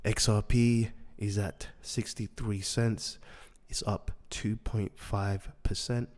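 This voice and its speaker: A man with a raspy voice hosting a market update, repeating and rephrasing his points for emphasis. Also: lowish voice, a little mellow. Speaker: host of a daily crypto news show.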